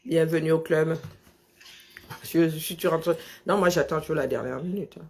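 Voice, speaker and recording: A woman with a lisp that makes her s sounds slushy, chatting casually and haltingly, often repeating words as she thinks. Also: low voice, darkish tone. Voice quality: husky, creaky voice. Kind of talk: casual chat, talking to herself and on a phone call.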